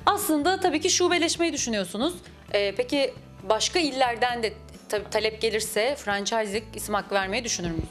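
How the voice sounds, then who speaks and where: Young female TV interviewer, rapid and upbeat, slightly high voice, faint music bed behind. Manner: quick, upbeat and complimentary. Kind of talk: TV business interview. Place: small cafe indoors. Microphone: handheld mic.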